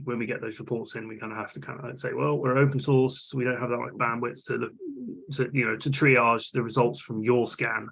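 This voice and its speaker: On a rough-sounding online video call, a man leading a vulnerability management working group talks casually in a technical meeting. His medium-pitched voice has vocal fry, a slightly bright quality and a breathy edge, and he's hesitant, restarting often and filling gaps with fillers.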